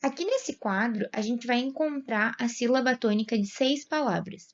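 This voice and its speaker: A woman's voice: a little high, moderate pace, highs cut off. A woman teacher with a Brazilian Portuguese accent, patiently explaining a grammar lesson and stretching out example words. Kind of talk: classroom explanation.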